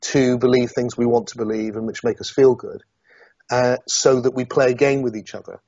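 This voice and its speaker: Husky middle-aged guy from somerset, stop-start reflective chat, dry dull sound. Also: mid-range voice, moderate pace, no room sound. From Somerset, England. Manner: hesitant, many restarts, animated when recounting. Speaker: interview guest, author. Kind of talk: reflective interview conversation.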